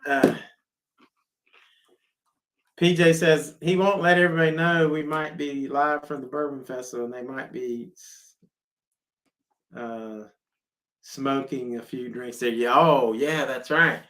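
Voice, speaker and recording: Man hosting a relaxed live chat show, reading viewer comments with easy laughter. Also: mid-range voice, a little slow, pauses often. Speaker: livestream host.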